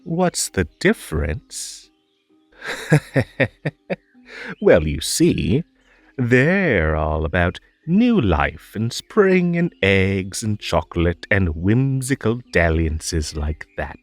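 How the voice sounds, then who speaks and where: A man's voice: low-pitched, sing-song, extremely slow, no echo, faint music behind, full character voice. A man playing a whimsical, lonely and possessive magical rabbit host in a roleplay audio drama, coaxing theatrically with stammers and nervous giggles. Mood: playful, mysterious.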